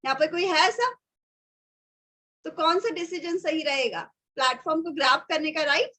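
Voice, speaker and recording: A woman giving a motivational talk as a webinar guest, energetic and speaking straight to the audience in mixed Hindi and English. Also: high-pitched, moderate pace, rough recording.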